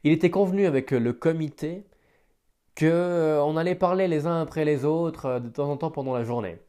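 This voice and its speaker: A man improvising a solo podcast, hesitant and self-deprecating as he thinks aloud, with careful, deliberate articulation. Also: medium pitch, a little mellow. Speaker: amateur podcast host.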